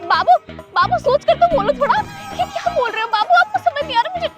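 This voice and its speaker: A woman's voice: very high-pitched, big pitch swings, fairly quick, music in the background, voice pushed up. A woman voicing a sweet, clingy young girlfriend who talks in a doting, sugary way in a comedy sketch.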